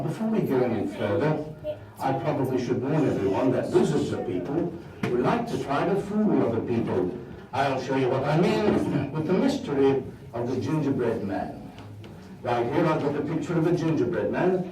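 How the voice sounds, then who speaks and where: A man's voice: medium pitch, lightly acted. A man playing Balthazar, a bumbling Christmas wizard. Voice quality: theatrical, sing-song, chuckling. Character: jolly, bumbling male Christmas wizard magician. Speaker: stage magician performer. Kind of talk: live stage magic show with audience. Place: stage in a hall. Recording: roomy hall, from far off.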